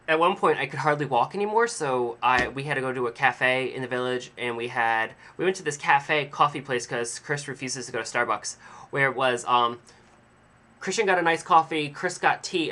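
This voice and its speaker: A young man casually telling a rambling, self-mocking story to a camera in his home vlog. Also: mid-range voice. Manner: chatty, animated, self-mocking. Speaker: vlogger.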